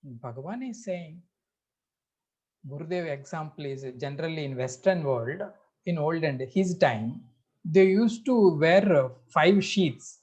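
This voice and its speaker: A man's voice: fairly high pitch, animated, unhurried, darkish tone, highs cut off. A man with an Indian accent giving a Vedanta discourse as a spiritual teacher, explaining didactically in short repeated phrases and putting questions to his listeners.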